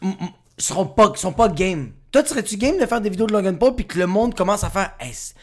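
A man with a Québécois accent talks casually as a comedian. His pitch swings a lot, and he slips into the voices of other people he quotes. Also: quick pace. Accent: Québécois French. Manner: animated, acts out other people's lines. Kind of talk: casual podcast chat.

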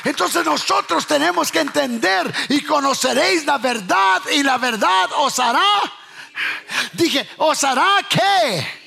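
A man preaching a sermon, emphatic, repeating his points and asking the listeners if they hear him, sometimes shouting and half-singing phrases. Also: very high-pitched, expressive, slow pace, gravelly, soft background music, a faint crowd.

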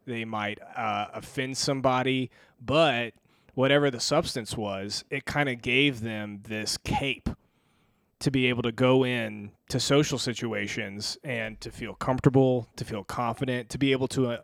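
A man's voice: mid-range voice, fairly even intonation, unhurried, no echo, clean studio sound. A man co-hosting a church podcast, speaking in a reflective, affirming way. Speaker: podcast co-host. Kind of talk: casual discussion.

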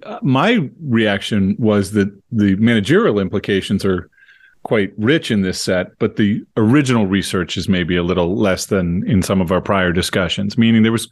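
Measured lowish-voiced male academic, dry close recording. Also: no room sound. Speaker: podcast co-host, college professor in New York. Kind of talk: casual academic discussion.

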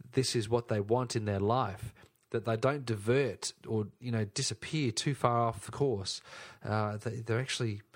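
A man co-hosting a casual health podcast, emphatic and repeating his key points. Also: lowish voice. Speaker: podcast co-host.

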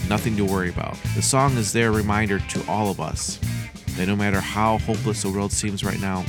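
A man hosting a music podcast, reading an introduction and then welcoming and questioning his guests. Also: fairly low pitch. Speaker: podcast host. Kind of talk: scripted intro then interview.

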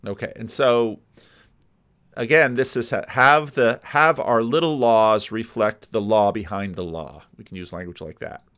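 A man with a low voice gives casual commentary on a sermon he is playing. He muses aloud, hedging his points with "sort of" and "you know". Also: measured pace, a bit bright, clean tone.

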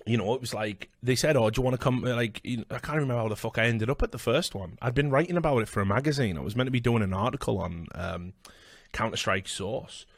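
A man in his thirties chatting casually and telling anecdotes in a sweary, blokey, animated way. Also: medium pitch, fast talker, vocal fry, dry recording. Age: 30s. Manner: sweary, blokey, animated storytelling with acted-out quotes. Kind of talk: casual chat, telling bar-fight anecdotes.

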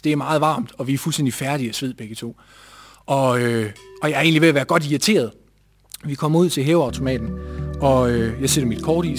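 A man telling a personal story on stage, lively and animated, acting out the quotes. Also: mid-range voice. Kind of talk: live storytelling.

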